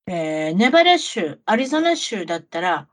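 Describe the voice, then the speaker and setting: A woman's voice: mid-range voice, normal speed. A middle-aged woman with a Kansai Japanese accent, telling anecdotes in casual chat like a talkative auntie, often throwing questions to the listener. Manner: chatty, animated Kansai auntie storytelling with rhetorical questions. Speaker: podcast co-host telling travel stories.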